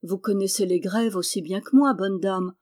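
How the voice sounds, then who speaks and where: A woman's voice: mid-range voice, fairly even intonation, moderate pace, a little mellow, lightly acted. A woman reading the part of a timid young peasant man, pleading and earnest but stubborn. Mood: bold. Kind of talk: audiobook character voice.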